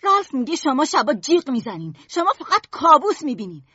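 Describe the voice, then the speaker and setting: A woman voicing Jack, a brash, aggressive boy who leads the hunters, shouting in a husky voice. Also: high-pitched, big pitch swings, no echo, dull audio, exaggerated voice. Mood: taunting. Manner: shouting, taunting.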